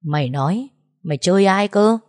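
A woman's voice: medium pitch, lively intonation, moderate pace, a little mellow, lightly acted. A woman voicing a strong husband who questions his wife's attacker in a cold, clipped way. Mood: furious.

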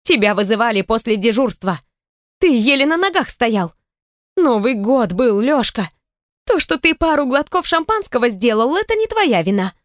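Woman doing a lively bossy stepmother. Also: a little high, normal speed, no room sound, studio quality, voice pushed up. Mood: indignant. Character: lively, bossy, caring middle-aged stepmother.

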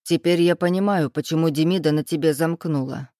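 A woman's voice: low voice, a little fast, dark tone, no room sound, clean studio sound, close to an everyday voice. A woman voicing a mocking young male thug who teases with a smug, drawling manner.

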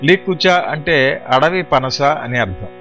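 A man narrating a storybook who gives a sharp-witted young boy his earnest, matter-of-fact replies. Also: a little high, lively intonation, slow, soft background music, exaggerated voice. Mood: confident.

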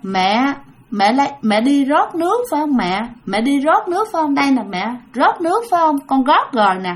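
A woman voicing the ghost of a dead young woman, speaking in slow, drawn-out calls. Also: sits high, big pitch swings. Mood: eerie.

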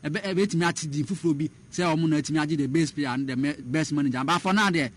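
A man's voice: fairly high pitch, fast talker. A man talking football as a pundit, switching between Twi and English, with frequent fillers and restarts. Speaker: sports pundit. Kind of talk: radio sports discussion.

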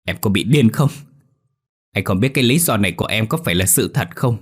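A man reading a story aloud, voicing an angry betrayed young husband who accuses and shouts, in a husky low voice. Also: lively intonation, fairly quick. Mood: furious.

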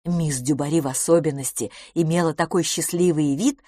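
Woman narrating with a dry, low voice. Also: normal speed, warm tone, no room sound. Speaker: audiobook narrator. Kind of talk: scripted narration.

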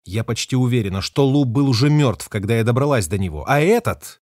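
A man's voice: mid-range voice, animated, fairly quick, no room sound, studio quality, lightly acted. A man voicing a fierce, defiant young woman ship captain who talks sharply and curses. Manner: sharp, cursing, hissing. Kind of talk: audiobook character voice.

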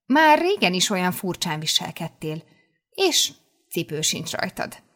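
A woman voicing a nosy, excitable teenage schoolgirl who keeps pressing with questions in an audiobook. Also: fairly low pitch. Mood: prying. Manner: insistent, prying questions. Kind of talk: audiobook character voice.

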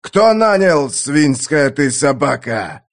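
A man's voice: a little high, expressive, a little slow. A man narrating an audiobook, putting on the snarling, threatening voice of a brutal old mercenary. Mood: menacing, furious. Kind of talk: audiobook character voice.

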